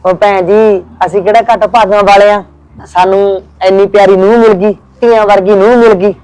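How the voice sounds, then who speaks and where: A man's voice: high voice, little pitch movement, fairly quick, a little mellow, clean tone, no room sound, close to an everyday voice, rough recording. An actor with a Punjabi accent playing a friendly middle-aged father of the groom in a village family drama. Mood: cheerful.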